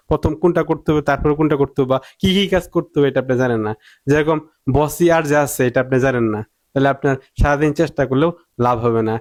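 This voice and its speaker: A man's voice: mid-range voice, a little mellow. A man teaching English pronunciation, repeating drill words again and again and answering his own questions. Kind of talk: spoken pronunciation lesson.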